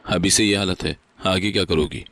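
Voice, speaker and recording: A man's voice: low-pitched, steady tone, vocal fry, no echo. A man reading the lines of a cruel, angry young husband in a storybook narration. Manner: shouting, sneering.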